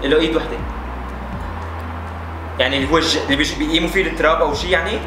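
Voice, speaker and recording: Competing in a dialect challenge, a man with a Syrian Arabic accent chats casually and guesses aloud in a slightly high, steady voice, talking rapid-fire. The room is echoey, with music playing behind him.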